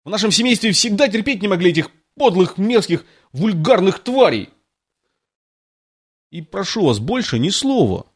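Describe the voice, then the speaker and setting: A man voicing a touchy, indignant little female mouse with a shrill, squeaky voice in a storybook reading. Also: big pitch swings, normal speed, breathy edge, exaggerated voice.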